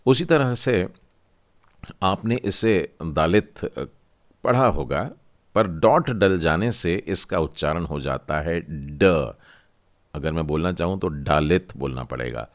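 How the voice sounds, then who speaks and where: A man teaching a Hebrew lesson, explaining step by step and repeating each new term. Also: very deep voice. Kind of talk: classroom lesson.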